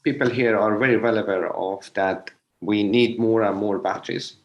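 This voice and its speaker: Hoarse low-voiced man giving a lecture. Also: steady tone, moderate pace, lo-fi sound. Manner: hesitant, many "uh" fillers. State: slightly hoarse, lost voice. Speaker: associate professor giving a webinar talk. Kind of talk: academic presentation. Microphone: video call.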